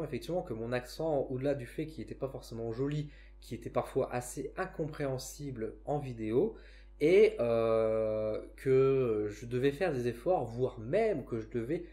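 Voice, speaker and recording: A man's voice: mid-range voice, a little mellow. Man with a northern French accent. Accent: northern French (Ch'ti). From northern France. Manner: reflective, frequent hesitations and self-restarts. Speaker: psychic and spiritual vlogger. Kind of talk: casual talk to camera.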